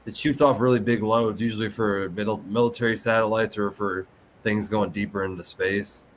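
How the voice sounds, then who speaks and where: A man with a low-pitched voice co-hosts a casual podcast. He passes along details in loose, halting phrases. A faint hiss runs behind him. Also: fairly even intonation. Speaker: podcast co-host. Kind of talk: casual chat.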